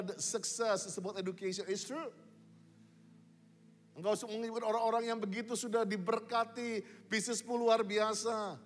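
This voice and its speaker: High-voiced pastor preaching in a hall. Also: male voice. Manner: mixes English phrases, emphatic preaching with drawn-out words. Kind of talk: sermon. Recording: long reverb of a large hall.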